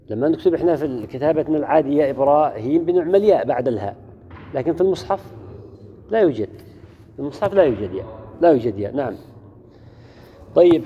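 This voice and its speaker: A man's voice: on the high side, slight background noise. A man teaching a class, repeating key words and putting questions to his students. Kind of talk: classroom lesson on Quran orthography. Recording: dull lo-fi recording in a reverberant hall.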